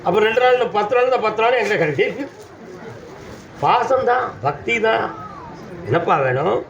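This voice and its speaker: A man's voice: high voice, lively intonation, normal speed, creaky. A man with a southern Tamil accent speaking as the deity at a village temple, giving commanding, scolding answers to devotees. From Tamil Nadu. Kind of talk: trance oracle addressing devotees. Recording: dull audio with faint background noise.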